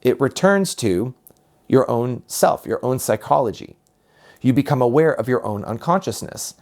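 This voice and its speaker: This man's voice is mid-range and his speed normal as he teaches on spiritual matters. His delivery is calm, reflective, and unhurried, with phrases repeated to drive points home.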